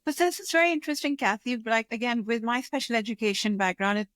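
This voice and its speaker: A woman hosting an interview, eager and quick to agree and share her own experience. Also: a little high, a bit bright, no room sound, studio quality. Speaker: podcast host and coach. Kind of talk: casual interview chat.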